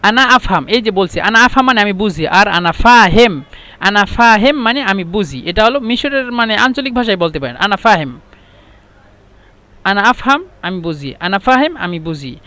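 A man teaching Arabic phrases in a spoken lesson. He repeats each phrase slowly and then explains it. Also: sits high, lively intonation, sharp tone, clean tone, no room sound.

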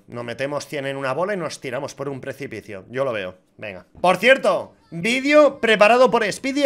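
A man doing crude, joking, excitable reaction commentary on gaming clips. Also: fairly high pitch. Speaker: gaming YouTuber.

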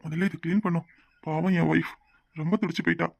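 A man's voice: a little high, fairly even intonation, fast talker, creaky, dry recording. A man voicing a young cartoon husband, hot-tempered, brooding over his feelings and possessive.

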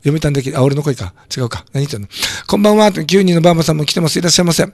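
A hoarse man with a throat cold hosting a community radio show, chatting casually and joking while reading listener comments. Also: a little high, animated, very fast, no room sound, studio quality. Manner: chatty, jokey, reacts to comments aloud. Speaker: radio host.

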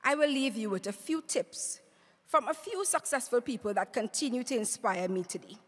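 A woman's voice: on the high side, lively intonation, normal speed. Woman giving a rousing speech in a hall. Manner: rhetorical, rousing, paced with emphatic lists. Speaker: award speaker. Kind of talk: prepared speech at a podium. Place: large conference hall. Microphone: podium mic on stand. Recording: reverberant conference hall.

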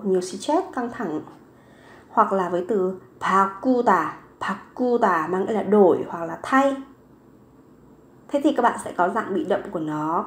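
Woman teacher going through grammar, patient, repeats words slow, mid voice, roomy echo. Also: medium pitch. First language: Vietnamese. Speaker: Korean language teacher. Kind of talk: grammar lesson explanation.

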